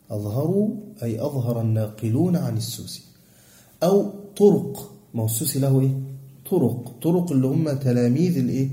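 A man with an Egyptian accent teaching Quran recitation rules to a class, quizzing students with fill-in questions and chanting quoted verse lines slowly. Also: mid-range voice, mellow, reverberant. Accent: Egyptian Arabic.

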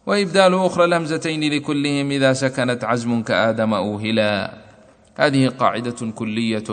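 A man giving a lesson on Quran recitation, explaining the readings at length and chanting verses and lines of verse. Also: medium pitch. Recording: long hall reverb.

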